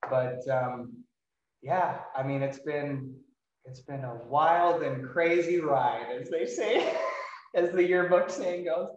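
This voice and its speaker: Slow-paced and on the high side, this male podcast host rambles through casual conversation with hesitation and self-deprecating humor while interviewing a guest. The in-person indoor session uses an unscreened mic placed at a distance, giving a dull, distant, echoey sound.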